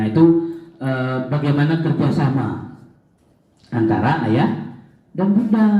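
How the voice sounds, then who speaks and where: A man giving a lively, joking seminar talk to parents, his voice jumping up in pitch for emphasis, recorded in a large hall. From Aceh, Indonesia. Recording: echoey hall, dull lo-fi sound.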